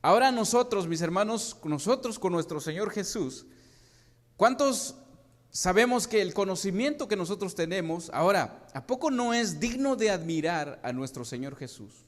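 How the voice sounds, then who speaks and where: A man's voice: high-pitched, lively intonation, moderate pace. A man preaching a sermon to his congregation, often asking them questions and restarting his phrases. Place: church hall. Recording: long hall reverb.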